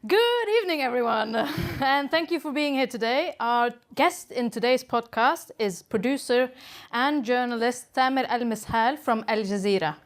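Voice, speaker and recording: A woman's voice: a little high, animated, moderate pace. Polite Norwegian-accented woman host. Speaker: event host and interviewer. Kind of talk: reading a prepared introduction.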